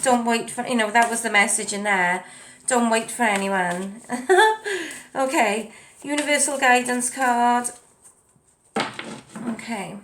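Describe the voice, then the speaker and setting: A tarot and oracle card reader talks slowly through a casual spiritual reading in a slightly high voice, chatty and dotted with ums and you knows as she reads the cards' text. The background is noisy. She uses a desk mic in a home setup lit by a ring light.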